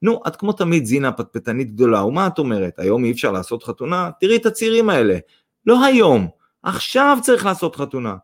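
A man voicing a hearty, jovial businessman father who speaks loudly. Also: mid-range voice, sing-song, hardly any pauses.

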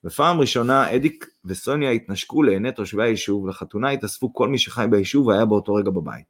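A man narrating a story aloud in a steady, measured reading voice. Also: on the low side.

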